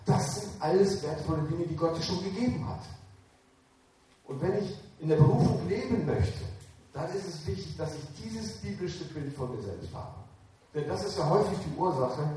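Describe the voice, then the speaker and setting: A man preaches in a mellow, low-toned voice, pressing his points on the listeners with direct commands and questions. He sounds distant from the microphone in a strongly echoing hall with faint room noise behind him. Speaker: preacher speaking to young people. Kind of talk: sermon.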